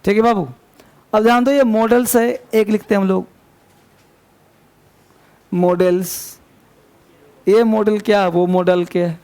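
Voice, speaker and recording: High-pitched gravelly male teacher. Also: steady tone, a little slow, pauses often, a little mellow. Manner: addresses students as babu, chiding and repeating. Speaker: English teacher. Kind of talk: classroom grammar lesson. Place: classroom with students.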